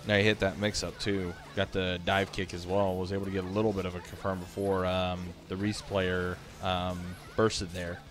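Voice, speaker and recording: A man's voice: deep voice, little pitch movement, moderate pace, hardly any pauses. A sleepy man casually commentating fighting game matches on a live stream, thinking aloud with many fillers. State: sleepy, yawning.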